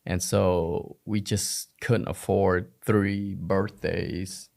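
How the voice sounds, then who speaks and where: A physician appearing as a podcast guest tells personal stories in an informal, casual way, tossing in self-deprecating rhetorical questions. His voice is low and steady, very slow, a little mellow, with vocal fry. He's American, raised in Oklahoma and other places, and comes from a Vietnamese family.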